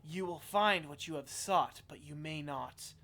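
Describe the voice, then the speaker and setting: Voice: mid-range voice, unhurried, pushed and bright. A streamer voicing an ancient talking stone face from a fantasy game, solemn and cryptic, person of unclear sex. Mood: grave warning.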